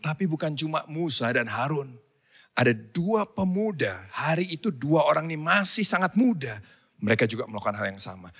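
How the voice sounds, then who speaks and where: A male pastor preaching a sermon in a church, telling stories with animated delivery, acting out wailing crowds and leading the congregation in call and response. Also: medium pitch, breathy edge. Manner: animated storytelling, acts out crowds with loud wailing cries. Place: church hall. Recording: church hall reverb.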